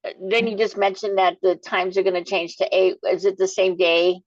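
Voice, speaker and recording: A woman's voice: medium pitch, steady tone, moderate pace, dry recording. A woman on a video call politely asking the host a question, apologizing as she speaks. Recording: dull, dry call audio.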